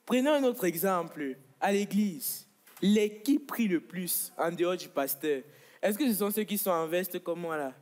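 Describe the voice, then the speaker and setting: High-voiced Congolese stand-up comedian. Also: male voice, expressive, a little slow, a little mellow. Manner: playful, boastful delivery. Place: comedy stage with live audience.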